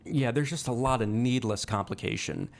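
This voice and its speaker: A man's voice: mid-range voice, normal speed, gravelly. A man co-hosting a podcast, talking casually about movies, thoughtful and hesitant with many fillers. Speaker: podcast co-host. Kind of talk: casual film discussion.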